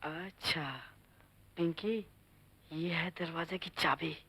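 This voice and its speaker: A hushed, husky young woman. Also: mid-range voice, normal speed. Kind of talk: 1970s Hindi film acting.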